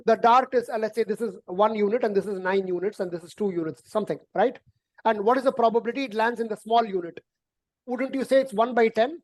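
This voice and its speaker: A woman's voice: fairly high pitch, darkish tone. A woman teaching a math class, explaining in a conversational way, repeating words and often ending sentences with "right?". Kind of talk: online algebra lesson, explaining.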